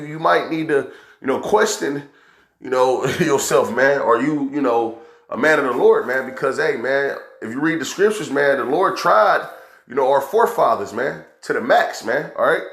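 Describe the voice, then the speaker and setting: A man giving an informal scripture lesson, talking loosely and peppering every phrase with "man" and "you know". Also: mid-range voice. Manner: casual, calls listeners "man" constantly, many fillers. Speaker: preacher. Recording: roomy echo.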